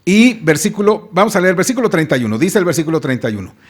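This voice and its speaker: High-voiced preacher, emphatic. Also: male voice, very animated, fast talker. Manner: emphatic preaching, calls listeners beloved brothers, frequent rhetorical questions. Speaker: pastor. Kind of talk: sermon.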